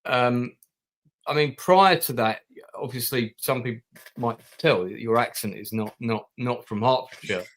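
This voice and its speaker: A man's voice: mid-range voice, measured pace. A man from Denmark hosting an interview, asking friendly questions and often repeating words as he starts. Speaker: interview host. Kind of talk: casual interview.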